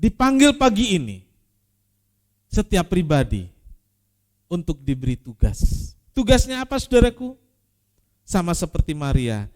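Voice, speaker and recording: A man delivering a sermon in a voice that sits a little high for a man and leaps around in pitch. He repeats his key phrases for weight, rising to loud emphatic peaks and then dropping to soft, close asides. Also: measured pace, pauses often. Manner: animated preaching with sudden swings from loud emphasis to quiet. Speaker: pastor.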